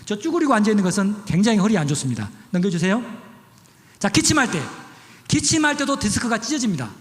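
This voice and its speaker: A man's voice: sits high, sing-song, fast talker. A middle-aged male pastor giving a chatty, demonstrative health talk in church, repeating short instructions as he goes through slides. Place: church hall. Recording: echoey church hall.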